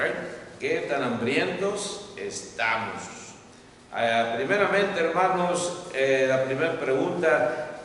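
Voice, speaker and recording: A man's voice: on the high side, fairly bright tone. A man teaching a Bible class, asking the class questions and repeating his points in English. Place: church hall. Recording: echoey hall, far from mic, faint noise.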